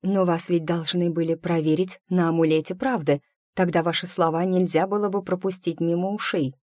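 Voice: medium pitch, fairly even intonation, brisk, darkish tone, no room sound, clean studio sound, natural voice. A reader voicing a young, curious and anxious female apprentice in an audiobook, who asks eager, pressing questions. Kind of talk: audiobook character reading.

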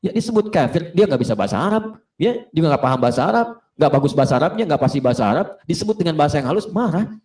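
A male preacher teaches at a quick clip, his voice sitting a little high for a man. He explains things in a lively way, asks the audience questions and acts out little exchanges between people. The sound carries the roomy echo of a large lecture hall. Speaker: Islamic preacher. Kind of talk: religious lecture to a live audience.

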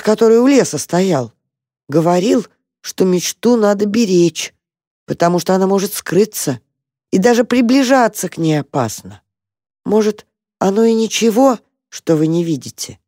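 A reader voicing a timid, kind little boy mouse who talks eagerly and gently in a storybook reading. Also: mid-range voice, lively intonation, unhurried, dry recording, studio quality, pitched above the performer's own voice, natural voice. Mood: earnest.

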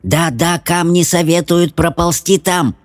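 A man doing a hushed, strange little cave creature. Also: on the high side, unhurried, no echo, studio quality, pitched above the performer's own voice, natural voice. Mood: hushed, mysterious. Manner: soft near-whisper. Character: strange small cave creature, odd, secretive.

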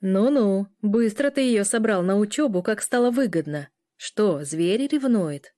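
A cheeky, jovial young man who loves to needle the others, as a woman reads him. His voice is mellow and dry, close up. He sounds amused and mocking. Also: mid-range voice, expressive, a little slow, no room sound, natural voice. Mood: teasing. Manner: mocking, teasing.

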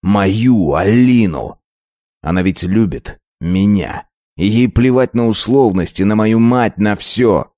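A man narrating a first-person story in a measured, dramatic reading. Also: fairly low pitch, dark tone, no echo, studio quality.

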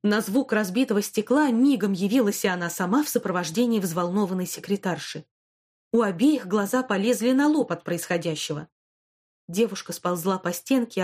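A woman narrating a novel as an audiobook in an even, expressive storytelling voice. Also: mid-range voice, brisk.

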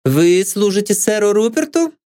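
A man voicing a sharp, haughty young lady's maid who is suspicious and quick to take offence, in a read-aloud storybook. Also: sing-song. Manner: shrill and indignant.

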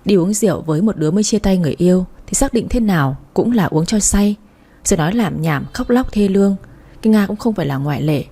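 Warm, husky young woman narrating. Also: medium pitch, lively intonation, fast. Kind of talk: scripted first-person story narration.

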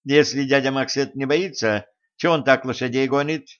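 A male narrator voicing a bold, sharp-tongued young woman who answers with sarcastic retorts. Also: medium pitch, normal speed, lo-fi sound, lightly acted. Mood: snappy.

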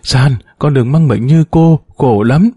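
A man's voice: medium pitch, a little slow, warm tone, husky, dry recording, studio quality. A man reading a story, voicing a frail, delirious old woman teacher who mumbles.

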